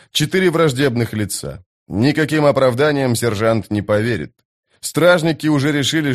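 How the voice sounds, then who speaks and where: A man reads an audiobook in a steady, measured voice. His delivery is even and scripted, at a mid pitch. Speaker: audiobook narrator.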